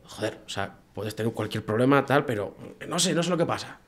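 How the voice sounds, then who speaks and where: A man in his thirties with a Castilian Spanish accent chatting on a podcast, telling things in an animated way, acting out quotes and swearing mildly. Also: mid-range voice, brisk. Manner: animated storytelling with acted-out quotes and mild swearing. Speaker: podcast guest, hunting professional. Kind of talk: casual podcast conversation. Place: small indoor podcast studio. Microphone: close boom-arm studio microphone.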